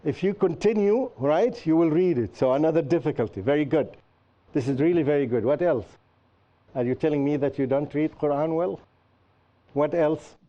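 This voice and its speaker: A man's voice: fairly high pitch, moderate pace, warm tone. A man teaching a class, often asking students what else they can name and explaining patiently with examples. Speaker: Qur'an teacher and show host. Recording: dull lo-fi recording.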